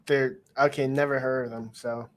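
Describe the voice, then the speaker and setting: A man's voice: medium pitch, little pitch movement, normal speed. An American man hosting a casual livestream, joking and laughing often. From United States. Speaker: livestream host.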